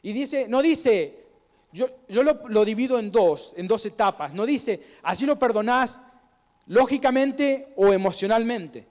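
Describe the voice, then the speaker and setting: A pastor preaches conversationally in a church sanctuary with long hall reverb, his very high-pitched voice animated, unhurried and darkish. He asks the congregation questions and acts out quoted voices.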